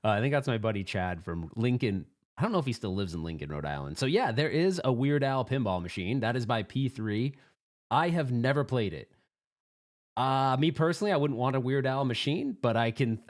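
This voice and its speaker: A man with a mid-range, expressive voice hosts a live pinball podcast, talking briskly. His chat is casual, earnest and rambling, delivered upbeat as he reacts to voicemails.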